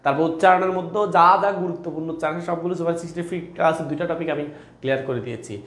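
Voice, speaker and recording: A man's voice: fairly high pitch, quick pace, a bit bright, reverberant. A young man teaching an online grammar class in a chatty way, repeating his questions and calling students brother. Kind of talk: online exam-prep class.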